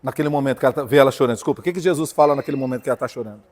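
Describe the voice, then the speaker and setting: A man's voice: medium pitch, racing, a little mellow. A man with a Brazilian accent preaching a sermon in church, emphatic and full of rhetorical questions to the congregation. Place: church hall. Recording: reverberant church hall.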